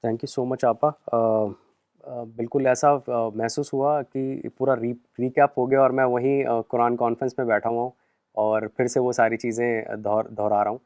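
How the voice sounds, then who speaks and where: A man's voice: mid-range voice, flat delivery, darkish tone, no room sound. Polite man host closing a session. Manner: hesitant, polite. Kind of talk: closing remarks.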